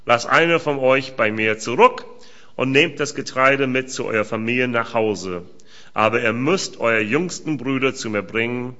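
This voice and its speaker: A man's voice: mid-range voice, normal speed, pushed and bright, lightly acted. A man reading aloud the words of a stern male ruler who is testing strangers. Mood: firm. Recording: dull lo-fi sound.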